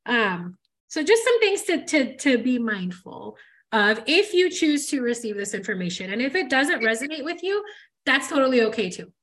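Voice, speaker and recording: Brief: female podcast host, emphatic, talks straight to listeners, voice on the high side. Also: big pitch swings, moderate pace, fairly bright tone. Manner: emphatic, addresses listeners directly. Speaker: podcast host, hair educator. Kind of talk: casual podcast chat.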